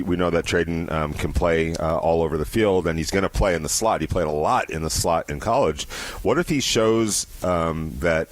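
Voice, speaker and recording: A man hosting sports talk radio, giving commentary in a halting manner, often repeating words as he reasons. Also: sits low, no room sound.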